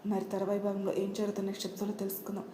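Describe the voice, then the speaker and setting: A woman narrating a serialized love story as host of her channel, in a steady storytelling manner. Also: mid-range voice, racing. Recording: roomy home recording with faint noise.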